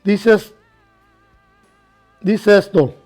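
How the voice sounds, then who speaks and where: A pastor with a notably high voice delivers a bilingual sermon, saying each thought in Spanish and then again in English. He reads scripture aloud and slows down on the key words, while soft music plays faintly behind him.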